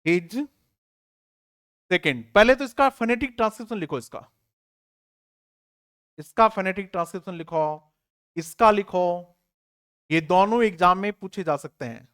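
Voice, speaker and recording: In an online exam-prep grammar lesson, a male teacher with a high, expressive, slightly bright voice speaks unhurriedly with long pauses. He poses questions and answers them himself, repeats and spells out key words letter by letter, and cheers the class on in a friendly, informal way.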